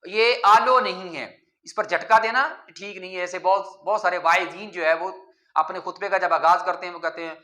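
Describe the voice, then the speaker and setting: A man teaching a Quran pronunciation lesson, patiently repeating words slowly to contrast right and wrong recitation. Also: high-pitched, sharp tone, echoey room.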